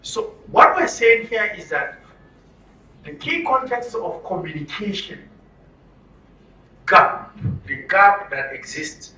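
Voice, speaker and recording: Training media workers at a live orientation workshop, this Nigerian-accented man has a fairly high, sharp-toned voice. His interactive lecture involves questioning the audience and drilling phrases through repetition. Sound comes from a distant mic in an echoey room, with roomy reverb and faint background noise.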